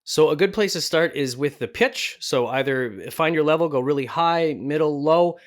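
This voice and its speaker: A voice actor hosts a tutorial, his fairly high-pitched voice moving at a normal speed. He keeps the instructional talk casual and informal, sprinkling in some self-deprecating humour.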